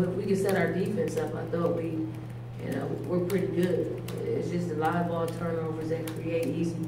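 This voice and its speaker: A middle-aged woman, a head coach, answering reporters at a post-game press conference in a measured way, with frequent ums and restarts. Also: lowish voice. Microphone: table mic from a distance. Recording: echoey room, distant mic, hiss.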